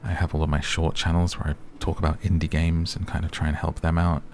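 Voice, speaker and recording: A man with a hoarse, raspy, strained voice, giving relaxed, rambling game commentary meant for sleep and muttering to himself as he plays. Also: extremely low pitch, fast talker, faint music behind. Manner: chatty, muttering to himself while playing. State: voice going hoarse. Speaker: gaming video creator and podcaster.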